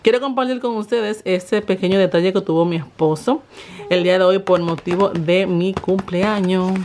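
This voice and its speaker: A Dominican woman vlogging at home as she opens birthday gifts, expressive and emotional, laughing often. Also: mid-range voice, moderate pace, reverberant, a little hiss or hum. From Dominican Republic. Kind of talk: casual vlog, opening birthday gifts. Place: home, indoors.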